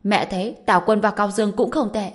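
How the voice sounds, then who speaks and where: A woman voicing a scheming middle-aged mother-in-law who scolds and wails loudly in an audiobook. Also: medium pitch, fairly even intonation, brisk, close to an everyday voice. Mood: nagging. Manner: loud, wailing, scolding. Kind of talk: audiobook character voice.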